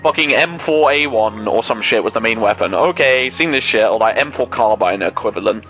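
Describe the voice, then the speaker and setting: A young man hosting a gaming channel, chatting casually over gameplay in animated, rambling rants full of swearing and filler words. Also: on the low side, brisk, faint music behind.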